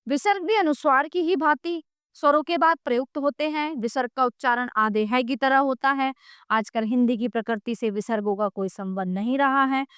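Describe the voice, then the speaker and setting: A woman teacher reading a grammar lesson aloud, slowly sounding out letters and example words, with brief asides to the viewer. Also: high voice, fairly bright tone, clean tone, no echo, studio quality. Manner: adds short asides to the viewer.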